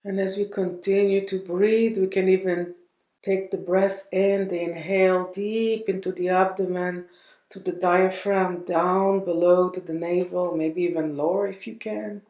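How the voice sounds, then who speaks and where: Guiding a meditation, a woman speaks softly and slowly in a steady, lowish voice, pausing at length between phrases, and the space around her is reverberant.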